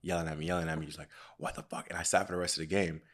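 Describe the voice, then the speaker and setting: A man's voice: sits low, flat delivery, racing. A young man co-hosting a podcast in casual chat, laid-back and trailing off into near-whispers. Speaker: podcast co-host.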